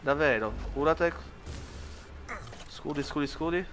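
Excitable man commenting on a shooter. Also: on the high side, slow pace, background noise. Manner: excitable, yells at enemies, then mutters to himself. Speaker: gaming YouTuber. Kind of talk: live game commentary.

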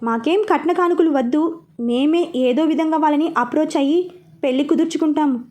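A woman's voice: high voice, a little fast, dark tone, close to an everyday voice. A woman voicing a middle-aged, status-proud father in a storybook reading, blunt and firm. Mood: gracious. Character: stern wealthy father, middle-aged man.

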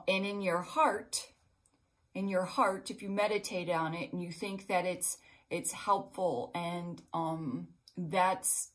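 A middle-aged woman giving a casual spiritual pep talk as a numerology reader, rambling and heartfelt, full of fillers and restarts, often dropping to a soft murmur. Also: fairly low pitch, poor audio. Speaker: numerology and intuitive guidance reader.

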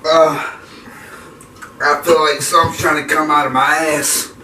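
A man's voice: fairly high pitch, little pitch movement, measured pace, bright, forceful tone. A young man chatting casually and slangily, grumbling as he goes through a challenge video. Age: young adult. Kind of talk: casual chat. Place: small bare indoor room. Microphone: camera several feet away. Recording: echoey, noisy room, distant mic.

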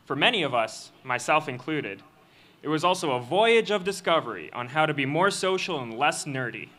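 A young man giving a student speech at a graduation ceremony, reading a prepared text into a podium microphone in an earnest, measured way. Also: on the high side, lively intonation, a bit bright. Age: young adult. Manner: earnest, measured delivery with occasional slips. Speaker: student commencement speaker. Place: outdoor stage of a graduation ceremony.

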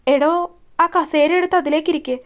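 A woman reading the lines of a kind, injured young man in a soft, reassuring way. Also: sits high, steady tone, normal speed, close to an everyday voice.

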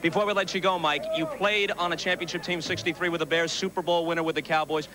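A man's voice: a little high, steady tone, fast, sharp tone. A man working as a sideline reporter, asking postgame questions in a polished broadcaster's manner into a handheld mic. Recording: noisy crowd behind.

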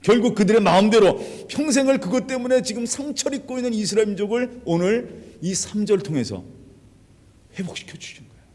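A male pastor preaching a sermon. He retells stories dramatically and acts out the quoted lines, swinging from quiet to loud. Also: high voice, animated, fairly quick. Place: church sanctuary. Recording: long hall reverb.

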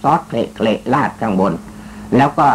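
A man's voice: medium pitch, lively intonation, measured pace, slight background noise, rough recording. Chatty joking man with polite particles. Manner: joking, teasing, chatty storyteller. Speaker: radio talk host. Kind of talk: casual spoken commentary.

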